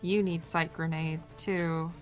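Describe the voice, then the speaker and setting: A woman's voice: low-pitched, flat delivery, slow, lo-fi sound, faint music behind. A woman streaming a game, chatting casually and joking about herself to her viewers. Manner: chatty, self-deprecating, talks to chat. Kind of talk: casual gameplay commentary.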